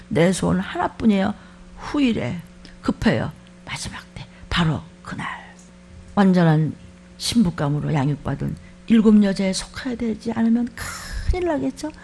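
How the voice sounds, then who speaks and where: A woman pastor preaches with a gravelly, somewhat high voice. She acts out the voices of the people she quotes, swinging from loud exclamations to hushed asides. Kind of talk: sermon.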